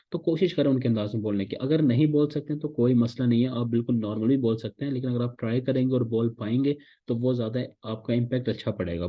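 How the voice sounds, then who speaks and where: A man's voice: mid-range voice, husky. A man from Pakistan teaching a class of interns, explaining patiently and mixing in English phrases. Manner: explains patiently, repeats "ठीक है" often, mixes English phrases. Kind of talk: online class lecture. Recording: dull lo-fi sound.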